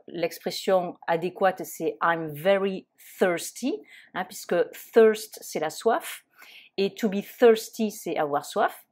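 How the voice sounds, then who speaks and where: A woman's voice: on the low side, darkish tone. A woman, patiently explaining English expressions in a lesson, with frequent hesitations. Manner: patient, explanatory, many fillers like euh and hein. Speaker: English teacher.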